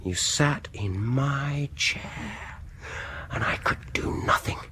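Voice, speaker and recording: An actor in a radio horror drama plays a sinister, vengeful male dentist, speaking with gloating menace. His medium-pitched voice sounds pushed and bright, and he delivers his lines deliberately, lingering on words and dropping into whispers.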